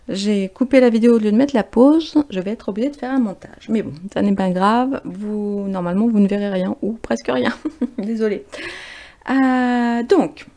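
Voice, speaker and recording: Gravelly, mellow woman reading oracle cards. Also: a little high, moderate pace. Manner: chatty and informal, with frequent fillers and self-corrections. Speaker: tarot and oracle card reader. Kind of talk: casual spiritual card reading.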